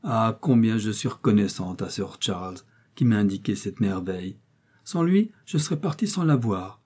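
A man's voice: fairly low pitch, lively intonation, moderate pace, a little mellow, slightly rough. A man voicing a rapturous, tender-hearted young woman who speaks in exclamations. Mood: enraptured. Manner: gushing and exclamatory.

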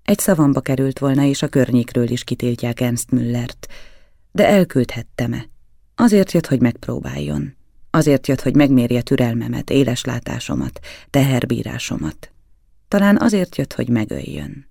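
A man reading a novel aloud in the first person, with a measured, grave literary delivery. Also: medium pitch, steady tone, creaky, warm tone, dry recording, studio quality. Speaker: audiobook narrator.

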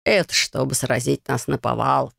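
A woman voicing a fatherly middle-aged husband who speaks slowly and reassuringly. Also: mid-range voice, vocal fry, fairly bright tone, no room sound, studio quality, pitched below the performer's own voice.

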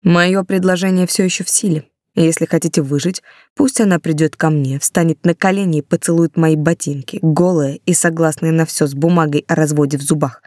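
A woman's voice: low voice, fairly even intonation, brisk, warm tone, no echo, clean studio sound, lightly acted. A woman reading an audiobook, voicing a cruel mafia boss in a cold, menacing tone. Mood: cold menace.

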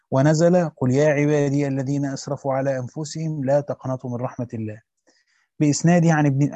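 A man reading a classical Quran commentary aloud in a steady scholarly way, often repeating a phrase to correct himself. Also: a little high, no echo, dull audio.

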